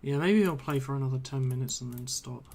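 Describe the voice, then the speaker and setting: A medium-pitched, slightly mellow male voice moves at a quick pace as he streams a video game from a home computer room. His chatter rambles casually, hesitant and full of fillers, with sentences trailing off, and his voice is a little strained from talking at length.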